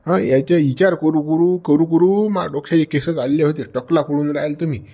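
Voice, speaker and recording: A man's voice: on the high side, brisk, slightly rough, lo-fi sound. A man with a Varhadi Marathi accent playing a sly, scheming villager in a comedy sketch, talking in a mocking, chatty way.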